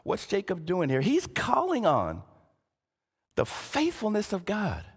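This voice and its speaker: High, animated preacher man in a reverberant hall. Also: a little slow, husky. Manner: earnest, repeats words and keeps saying "listen". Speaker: pastor. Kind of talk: sermon.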